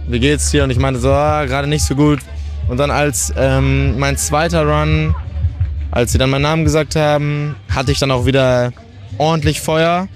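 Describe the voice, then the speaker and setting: A young man in his late teens or early twenties who grew up in Portugal, being interviewed outdoors and telling his story in a relaxed, hesitant way with restarts. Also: a little high, moderate pace, faint music behind. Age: young adult. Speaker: interviewed skateboarder. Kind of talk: casual interview.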